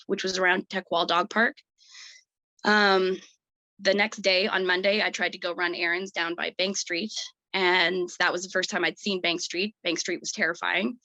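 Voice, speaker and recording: A woman giving emotional, halting personal testimony at an online public hearing over a video call. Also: on the low side, pushed and bright, dry recording, muffled recording. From Canada. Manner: earnest, emotional, halting with fillers.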